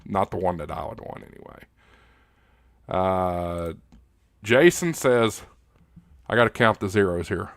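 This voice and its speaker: With a low voice touched by vocal fry, an American man hosts a livestream in a recording free of echo. He jokes around with viewers in a casual, folksy way while reading out their comments.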